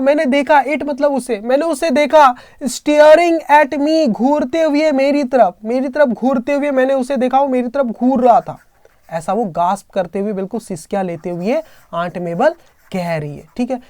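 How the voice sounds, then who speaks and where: A woman's voice: high-pitched, measured pace, a little mellow, no echo, studio quality. A woman teaching an English lesson, reading a phrase and then explaining it with questions, and calling her students "beta".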